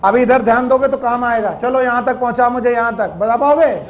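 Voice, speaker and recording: A man's voice: extremely high pitch, brisk. A man teaching biology to a class in Hindi with a Purvanchal accent, quizzing students and scolding them, dropping in English terms. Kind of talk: classroom lecture.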